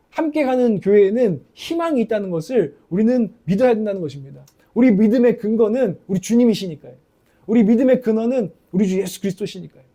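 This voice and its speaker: A man delivers a sermon in an animated, storytelling way. His voice sits high and swings widely in pitch. The tone is deep-toned and mellow rather than bright. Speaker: pastor.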